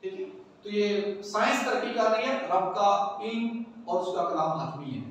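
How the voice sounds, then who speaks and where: Man, religious class lecture, animated, rhetorical questions, high voice, booming hall echo. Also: moderate pace. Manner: animated, asks the class rhetorical questions, mixes in English words. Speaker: Islamic lecturer teaching a class. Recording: echoey hall, distant mic, faint background noise.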